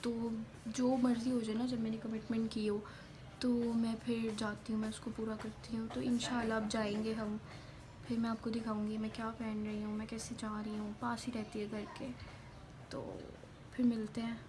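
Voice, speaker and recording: A young woman with a hoarse, sore throat, chatting self-mockingly into a phone held at arm's length at home. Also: a little high, monotone, moderate pace, noisy background. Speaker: vlogger. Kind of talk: casual vlog chat. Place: home, partly on a rooftop.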